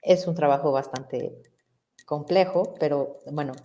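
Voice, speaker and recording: A woman's voice: deep voice, unhurried, mellow. A middle-aged woman psychologist, explaining ideas in a reflective way and asking rhetorical questions. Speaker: psychologist guest. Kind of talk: conversational explanation.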